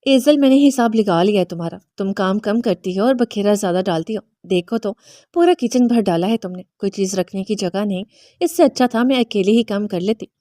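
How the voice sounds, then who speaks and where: A woman reading the lines of a brisk middle-aged mother-in-law scolding her daughter-in-law. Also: mid-range voice, warm tone, dry recording, clean studio sound, close to an everyday voice. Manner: scolding, bossy.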